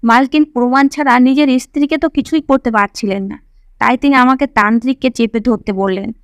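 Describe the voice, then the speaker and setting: Woman storyteller, high voice, dry close sound, scripted first-person narration, steady delivery. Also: brisk, no room sound.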